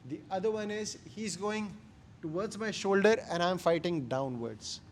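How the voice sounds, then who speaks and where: A man's voice: high voice, moderate pace, a little hiss or hum. A man with an Indian accent teaching a martial arts class, speaking emphatically in short, repeated phrases. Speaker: jiu-jitsu instructor.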